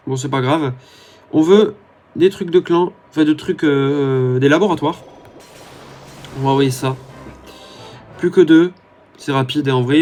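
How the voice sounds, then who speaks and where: A man's voice: fairly high pitch, darkish tone. A man giving casual, rambling commentary over his own gameplay, talking to his viewers with many hesitant fillers. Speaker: gaming YouTuber.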